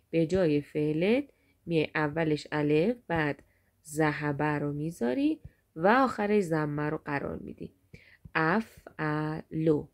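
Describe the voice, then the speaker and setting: A woman teaches grammar to her students, speaking to them directly and drawing out each example word slowly so they can repeat it. Her voice sits a little low, with a gravelly, creaky texture. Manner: repeats words slowly and stretched for drill. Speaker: Arabic teacher.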